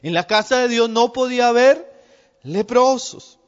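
A man delivering a sermon with a high, light voice, stretching out his quoted verses slowly and earnestly. His words ring out with a long reverb across a church hall, and the recording sounds a little dull and muffled. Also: clear, resonant tone. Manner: earnest preaching with slow, drawn-out emphasis on quoted verses; addresses listeners as brothers. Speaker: preacher.

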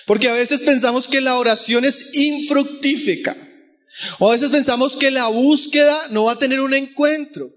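A man's voice: very high voice, fairly even intonation, normal speed, fairly bright tone, highs cut off. A man preaching a sermon, earnestly calling his listeners brothers. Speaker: pastor.

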